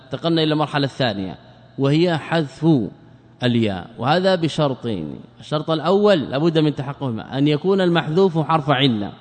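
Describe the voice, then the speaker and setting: A man teaching a grammar lesson, quizzing his students and repeating key words slowly. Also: a little high, big pitch swings. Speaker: Islamic scholar teaching a class. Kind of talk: classroom lesson with questions to students. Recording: long hall reverb.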